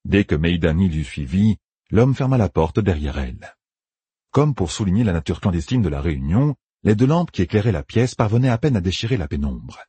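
A low-pitched man narrating a fantasy novel, his voice very husky and breathy. His pitch moves expressively as he reads, and he voices every character himself. The sound is dry and close. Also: very animated, a little fast, dark tone, no echo. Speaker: audiobook narrator.

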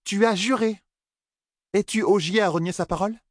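A man's voice: high-pitched, moderate pace, no echo, studio quality, voice pushed up. A man voicing a headstrong scheming young woman. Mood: insistent. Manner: stubborn, cutting, defiant.

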